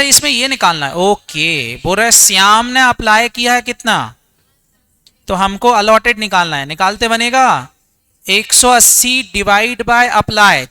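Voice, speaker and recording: A man runs an exam revision lecture on accounts, firing questions at students and answering them himself in a low voice. He mixes English terms into his Hindi, and his voice is pushed and bright, clear and resonant.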